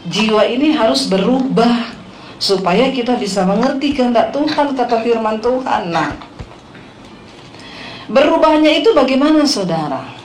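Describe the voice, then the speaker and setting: Animated woman pastor preaching in an echoey hall. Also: on the high side, moderate pace, pauses often, slight background noise. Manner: animated storytelling, addressing the congregation, acting out quotes. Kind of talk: sermon.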